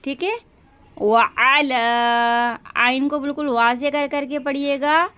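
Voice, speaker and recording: A woman's voice: high-pitched, fairly bright tone. A woman giving a step-by-step religious lesson, speaking patiently and stretching words out to show how they should be pronounced. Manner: slow and patient, drawing out words to demonstrate pronunciation. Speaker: religious teacher.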